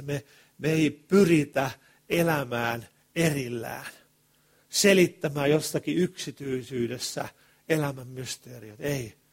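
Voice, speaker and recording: Husky-voiced impassioned male preacher. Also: medium pitch. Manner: impassioned, swings between loud bursts and hushed asides; colloquial, rhetorical questions to the congregation. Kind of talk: sermon.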